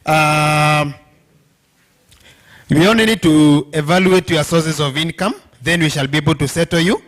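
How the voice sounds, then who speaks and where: A Kenyan man speaks in a fairly high male voice. He presents informally to a group, switching between two languages and often checking that listeners follow. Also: measured pace, fairly bright tone. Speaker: bank representative presenting to union members. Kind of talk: informal presentation mixing English and Swahili.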